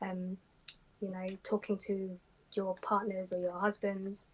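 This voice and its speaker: A young woman guest in a casual interview, explaining her views in a calm, measured way. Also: medium pitch, slight background noise, poor audio.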